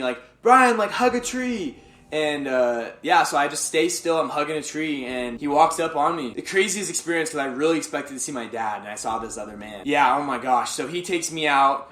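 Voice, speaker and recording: A man's voice: mid-range voice, fairly bright tone. A young man casually telling a personal story to his viewers, rambling and filling his speech with "like". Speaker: vlogger. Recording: roomy echo.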